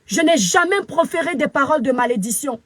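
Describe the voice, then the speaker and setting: Cameroonian woman commentator, shrill high voice, dry close sound, preachy angry rant. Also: animated, a little fast, fairly bright tone, no room sound. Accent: Cameroonian French. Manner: scolding, preachy, emphatic repetition. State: very upset. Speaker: social media commentator. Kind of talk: angry live video rant. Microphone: phone camera.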